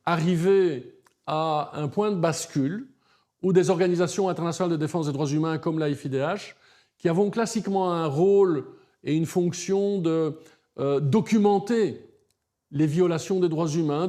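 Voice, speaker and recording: A middle-aged Belgian human rights lawyer appears as an interview guest, speaking in a mellow, slightly high voice. He is articulate and earnest, building his points with emphasis.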